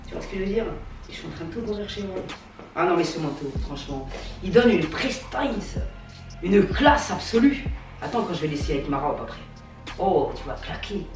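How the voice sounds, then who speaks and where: A woman's voice: fairly low pitch, lively intonation, quick pace. A young woman in a casual clothing haul chat at home, gushing and slangy, swinging into mock outrage. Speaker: fashion vlogger. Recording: echoey room, mic at a distance, faint music.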